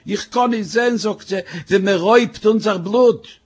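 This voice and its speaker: A man voicing a frightened, fussing wife, pitching his voice up high and pleading. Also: normal speed, darkish tone, breathy edge, natural voice.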